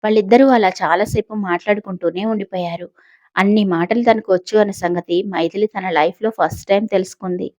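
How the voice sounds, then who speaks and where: A woman telling an audio story, reading scripted narration in a steady, descriptive way. Her voice sits at an ordinary middle pitch, recorded close and dry with no room echo. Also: brisk.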